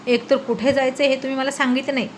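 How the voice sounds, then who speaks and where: A woman's voice: high voice, little pitch movement, fast talker, a little hiss or hum, close to an everyday voice. A woman voicing a clumsy, chatty young wife who scolds and teases her husband. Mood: teasing.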